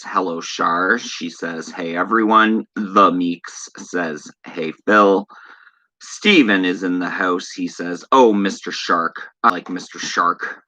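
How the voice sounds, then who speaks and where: A man's voice: low voice, slow pace, pushed and bright, rough recording. A man hosting a casual horror live stream, greeting viewers by name and reading their comments aloud in a laid-back, chatty way. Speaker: horror channel host.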